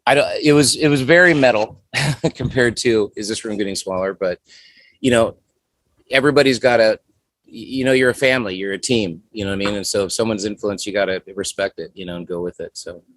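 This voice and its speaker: Speaking briskly in a lowish, slightly bright voice, a forties-aged guest musician rambles casually through an interview, peppering it with "you know." The recording has no room sound.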